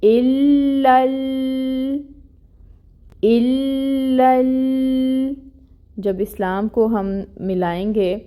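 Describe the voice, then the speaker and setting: A woman teaching tajweed in an online lesson, explaining each rule plainly and reciting verses slowly and drawn out. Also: medium pitch, mellow. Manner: explains rules plainly, mixing in English words.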